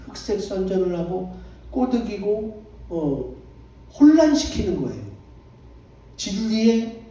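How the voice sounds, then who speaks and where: A man's voice: sits high, mellow. A male pastor preaching a sermon, who keeps asking the congregation questions and answering them himself. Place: church sanctuary. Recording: echoey church hall, distant mic.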